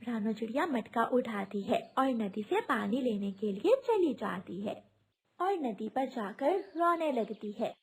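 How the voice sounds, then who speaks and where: A woman narrates a cartoon story in a scripted, expressive way. Her voice sits high and moves a lot in pitch. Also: measured pace. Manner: expressive, melodramatic.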